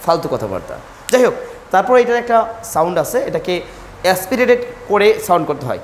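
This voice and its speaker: A woman's voice: fairly low pitch, very animated, fast, slight background noise. A woman teaching English pronunciation, repeating each letter sound and correcting common mistakes. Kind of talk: pronunciation lesson, drilling letters.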